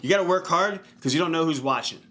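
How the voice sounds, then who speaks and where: A man's voice: fairly high pitch, fast, a bit bright. A man in his thirties, a fitness coach, talks through a casual, earnest motivational talk, often checking in with "right?". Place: indoor room.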